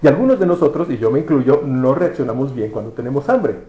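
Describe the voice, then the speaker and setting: Preacher with a mellow, echoey voice. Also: male voice, medium pitch, animated, fast talker. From Mexico. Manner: conversational, restarts words, asks rhetorical questions. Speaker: pastor. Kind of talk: sermon.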